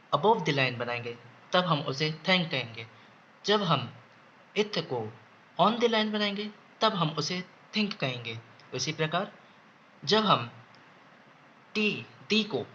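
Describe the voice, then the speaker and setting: A man teaching a shorthand lesson, slowly repeating terms and spelling words out letter by letter. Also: fairly high pitch, bright, forceful tone. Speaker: shorthand instructor. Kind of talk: classroom lesson. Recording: dull lo-fi with faint noise.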